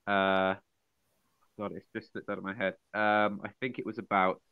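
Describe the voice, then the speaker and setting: A man with a fairly low voice makes a point in a casual discussion about art. He speaks haltingly, restarting his sentences and filling pauses, and his audio sounds dull and lo-fi in a dry space. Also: flat delivery, smooth, dry recording. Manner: halting, with many fillers and restarts.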